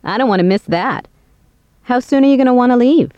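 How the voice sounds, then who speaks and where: A woman playing a young woman who talks about bills and plans with a friend, in a scripted language-course dialogue, speaking clearly and carefully. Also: fairly high pitch, a little fast, mellow, dry recording, lo-fi sound, lightly acted. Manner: clear, careful everyday speech.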